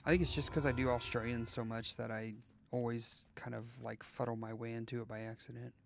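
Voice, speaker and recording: A man's voice: medium pitch, flat delivery, a little fast, gravelly, slight background noise. A man chatting casually while live-streaming a game, rambling and joking as he thinks aloud, often restarting his sentences.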